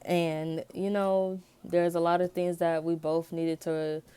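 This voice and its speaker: Slightly low-voiced American woman chatting candidly. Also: level tone, takes it slowly, dark tone, clear, resonant tone. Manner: colloquial, candid, rambling storytelling. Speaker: vlogger. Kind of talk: casual personal chat to camera.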